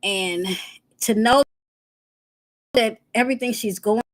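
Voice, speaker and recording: A woman's voice: fairly high pitch, slow. A woman hosting her weekly live stream, casual and emotional, close to tears as she introduces a guest. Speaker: host.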